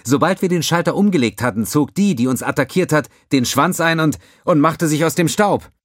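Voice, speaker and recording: A man voicing a calm, analytical male lieutenant who reports and explains. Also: on the high side, brisk, no echo, clean studio sound, pitched above the performer's own voice, lightly acted. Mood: reporting.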